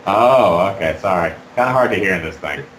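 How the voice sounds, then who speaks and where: A man being interviewed about fursuiting while wearing a fursuit head, talking in a halting, rambling way with many fillers. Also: deep voice, lively intonation, a bit bright, echoey room, a little hiss or hum, rough recording. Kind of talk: casual interview.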